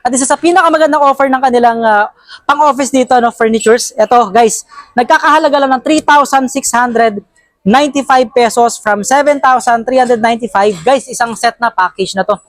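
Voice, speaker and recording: A woman's voice: fairly high pitch, brisk, dry recording. A woman with a Filipino accent, chatty and upbeat, walking viewers through a warehouse sale in a vlog. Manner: upbeat, chatty, frequent tag questions. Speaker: vlogger touring a store sale. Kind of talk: walk-through shopping vlog. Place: large indoor warehouse store.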